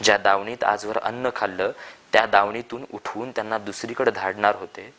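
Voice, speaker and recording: A man reading a short story aloud in calm, measured narration. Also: on the low side.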